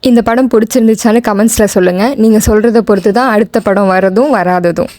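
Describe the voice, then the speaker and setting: A woman's voice: medium pitch, quick pace, a little mellow. A woman narrating a short film about her pet goats, teasing and playful. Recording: faint music underneath.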